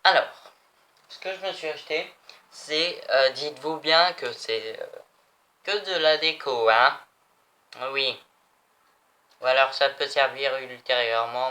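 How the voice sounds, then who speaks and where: A man's voice: medium pitch, bright, forceful tone. A young man chatting casually in a vlog, rambling and repeating himself. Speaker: vlogger. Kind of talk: casual chat showing souvenirs.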